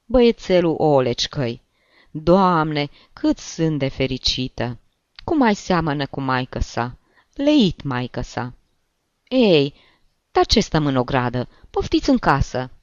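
A man's voice: a little high, big pitch swings, no echo, highs cut off. A man voicing a plump, tearful middle-aged woman who gushes in exclamations, in an audiobook reading. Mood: gushing.

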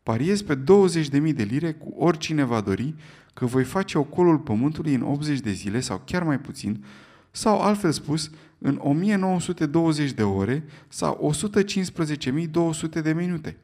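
A calm, precise English gentleman, as a male narrator puts him on, answering in short, clipped sentences. He never rushes and never rises to a provocation. It is an audiobook reading. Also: on the high side, voice pushed up. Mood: composed. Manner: cool, clipped and unflappable.

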